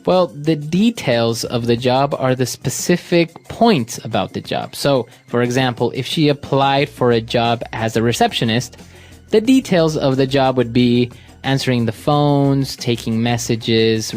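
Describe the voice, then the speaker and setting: A man from Ecuador co-hosting an English lesson podcast, explaining vocabulary calmly and steadily. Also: mid-range voice, measured pace, faint music behind. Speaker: co-host.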